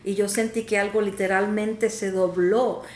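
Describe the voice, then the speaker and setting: A woman's voice: medium pitch, flat delivery, moderate pace, darkish tone, slight background noise. A woman co-host earnestly sharing her personal testimony, hesitating often with fillers. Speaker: podcast co-host. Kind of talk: casual faith talk, personal testimony. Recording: echoey room, faint ambience.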